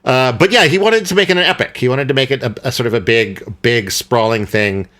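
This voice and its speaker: A man's voice: medium pitch, a little fast, pushed and bright. A young adult man co-hosting a podcast, talking casually about a film and often stopping to search for words with fillers and restarts. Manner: rambling, hesitant with many fillers and restarts. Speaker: podcast co-host.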